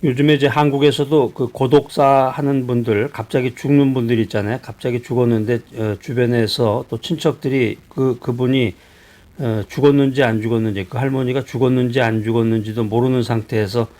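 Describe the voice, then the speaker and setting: A male pastor from Seoul preaches in an easy, conversational way. His voice sits at an ordinary middle pitch, and he often stops to pose questions or hesitate before carrying on. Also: steady tone, fairly quick, a little mellow. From Seoul, South Korea. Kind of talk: sermon.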